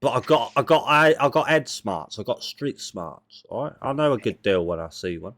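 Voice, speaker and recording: A man's voice: fairly high pitch, expressive, moderate pace, lightly acted. A man doing a cocky six-year-old boy haggler. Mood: boastful. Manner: blustering, stammering salesman patter with swearing.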